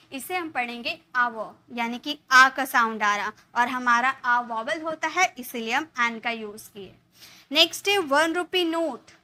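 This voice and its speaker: A woman's voice: high voice, sharp tone. A woman teaching a spoken English lesson in Hindi, explaining step by step and asking and answering her own questions.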